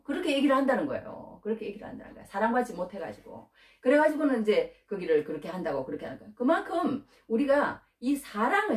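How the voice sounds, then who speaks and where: A woman pastor delivers a sermon in a loose, conversational way, often swinging up into high, emotional bursts. Her voice moves a great deal in pitch. The sound is roomy and echoey, picked up from some distance away. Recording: roomy echo from far off.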